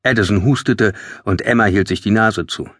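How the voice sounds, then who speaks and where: Husky low male audiobook narrator. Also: a bit bright, no echo, studio quality. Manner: tense, measured storytelling. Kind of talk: scripted first-person audiobook narration. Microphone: close studio mic.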